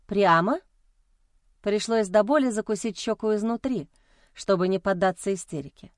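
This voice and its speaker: Woman, expressive first-person audiobook narrator, dramatic delivery, dry close sound. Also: mid-range voice, fairly quick, no echo. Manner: emotional, dramatic, intense.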